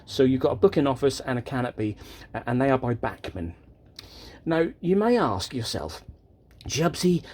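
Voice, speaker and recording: Filmed indoors on a tripod, this casual show-and-tell vlog features a man with a mid-range, darkish voice talking about his model railway. He's chatty and wanders, often breaking off and restarting sentences.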